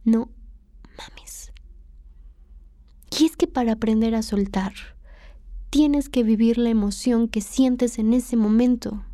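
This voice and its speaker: A woman's voice: a little high, unhurried, mellow, no echo, clean studio sound. A woman with a Mexican accent hosting a podcast, talking candidly and confessionally straight to the listener in a reflective monologue. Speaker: podcast host.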